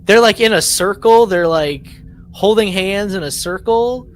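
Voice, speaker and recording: Speaking at a measured pace in a high-sitting voice, a man co-hosts an animated, casual podcast recap. He leans on his words, repeats things for effect and acts out mock quotes.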